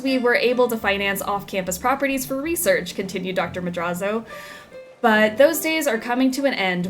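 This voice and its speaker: A woman giving playful, casual game commentary and reading on-screen text aloud. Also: fairly high pitch. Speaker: game streamer.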